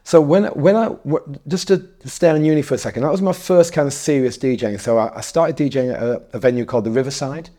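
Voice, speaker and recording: Guy in his 40s chatting on a podcast, mellow low-key tone, lots of restarts and little laughs. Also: a little fast, hardly any pauses. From North East England. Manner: rambling, self-correcting, laughs often. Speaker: guest DJ and MC. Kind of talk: casual interview chat.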